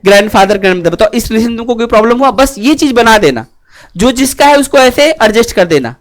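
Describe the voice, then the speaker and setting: A very high-voiced man lectures a class, repeatedly firing off short questions to confirm his students are following. His tone shifts from playful jokes to serious, sermon-like counsel.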